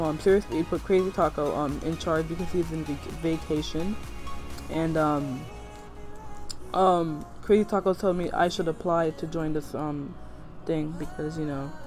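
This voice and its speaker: Young male gaming host, higher-pitched, slangy and boastful rambling commentary over clearly audible music. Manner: rambling, slangy, self-hyping. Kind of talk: casual gameplay commentary.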